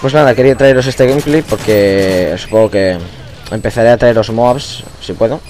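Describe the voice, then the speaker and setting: A man's voice: medium pitch, normal speed, noisy background. A man with a Spain Spanish accent giving casual gameplay commentary, rambling with frequent restarts and fillers. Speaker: gaming YouTuber.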